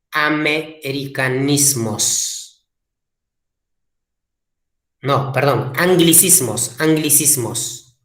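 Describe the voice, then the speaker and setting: A man teaching a language class, slowly repeating key words for emphasis. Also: medium pitch, a bit bright. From Peru. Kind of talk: classroom lecture. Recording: echoey room.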